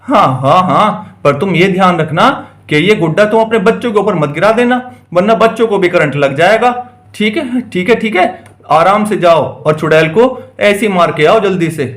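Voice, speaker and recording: A man voicing a kindly old holy man with magic in a doll play story, slow and reassuring. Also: sits high, fairly bright tone.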